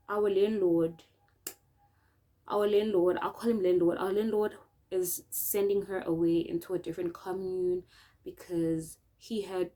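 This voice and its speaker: Doing her makeup on camera, a young South African vlogger with a local accent animatedly recounts a story, performing the quotes and dropping in local words. Her pitch is fairly low, and the sound quality is poor.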